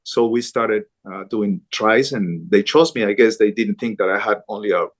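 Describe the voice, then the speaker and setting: A middle-aged Colombian man who works as a Spanish-language news anchor speaks as an interview guest in a conversational interview. His voice is fairly low and his pace moderate, and he talks earnestly, often restarting sentences and using fillers.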